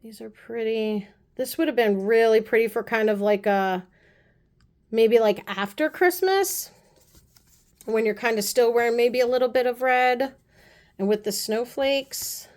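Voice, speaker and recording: A woman casually chatting through a nail art haul, gushing and often dropping her voice to soft low asides. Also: a little slow, long pauses. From United States. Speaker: beauty vlogger. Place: apartment room.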